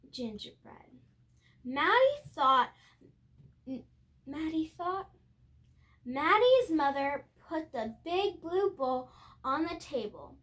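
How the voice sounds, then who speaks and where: In this video a young child reads from a storybook, stumbling a bit, going back over words to correct them, and chatting casually to the audience. She speaks in a high voice.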